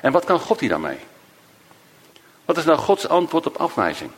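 Emotive Dutch-speaking preacher with lively pitch. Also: male voice, breathy edge. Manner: emotive, swinging between raised emphasis and hushed low phrases; slow, drawn-out delivery of quoted cries. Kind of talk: sermon.

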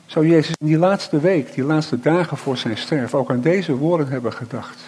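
A middle-aged man preaching a sermon, reflective, with slow emphatic pauses and frequent tag questions. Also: fairly high pitch, darkish tone, breathy edge.

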